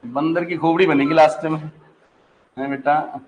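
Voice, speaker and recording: A man's voice: on the high side, fairly even intonation, normal speed, lo-fi sound, a little hiss or hum. A man with a Pahari-influenced Hindi accent teaching a class in a classroom, patient and chatty, often repeating his questions back to the students and checking that they follow. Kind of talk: classroom lecture.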